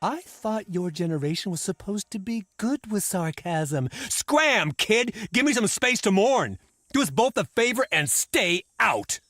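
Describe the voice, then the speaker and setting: A man's voice: sits high, big pitch swings, a little slow, a bit bright, no room sound, studio quality, full character voice. An actor playing a bitter, sarcastic male antique dealer in a game, scolding and mocking.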